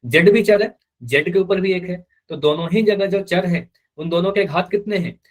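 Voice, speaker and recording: A man's voice: high voice, moderate pace, low-quality recording. A man teaching a live online math class, patiently repeating key points and speaking students' answers for them.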